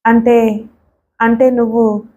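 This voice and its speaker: A woman voicing a beaten, frightened man who pleads and shouts in an audiobook thriller. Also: on the high side, little pitch movement, slow pace, muffled recording. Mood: desperate. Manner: pleading, then angry.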